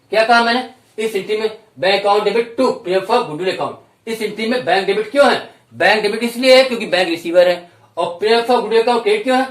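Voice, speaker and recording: A man teaching accountancy, explaining step by step, repeating each point and asking questions aloud, then slowing right down to dictate entries and figures. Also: high-pitched, recorded from a distance. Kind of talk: recorded classroom lesson. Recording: roomy echo, voice from off-mic.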